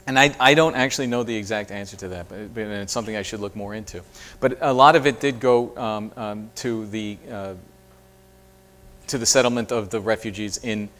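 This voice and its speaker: A man's voice: mid-range voice, a bit bright. A man giving a university lecture and answering audience questions, speaking thoughtfully with many fillers and restarts. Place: lecture hall.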